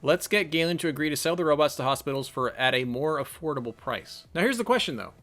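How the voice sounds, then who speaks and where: Here a gamer reads an interactive text game aloud, weighing his options with casual, chatty let's-play commentary. His voice is a little high, animated and a bit bright, and he speaks fast.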